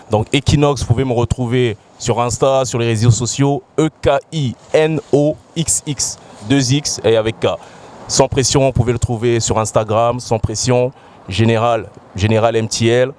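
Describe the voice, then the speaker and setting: A man's voice: medium pitch, darkish tone. A rapper speaking outdoors, earnest and a little hesitant, promoting his group's music. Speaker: rapper guest. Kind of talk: promotional talk.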